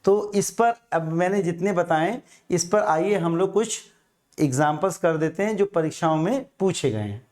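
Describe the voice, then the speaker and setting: A man's voice: high voice, animated, moderate pace, darkish tone. Male teacher giving an exam-prep grammar lecture. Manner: patient, repeats points, asks and answers his own questions.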